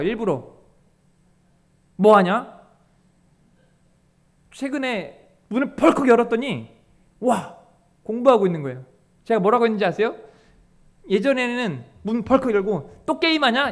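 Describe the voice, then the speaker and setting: High-pitched lively Korean pastor preaching. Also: male voice. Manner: lively preaching that acts out quoted voices of congregants and the Lord. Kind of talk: sermon.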